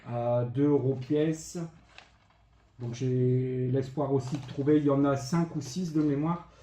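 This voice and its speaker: A retro game collector with a warm, mid-range voice speaks a little slowly in a steady tone. He casually shows off his purchases, listing games and prices with many fillers. The room echoes, with faint noise behind him.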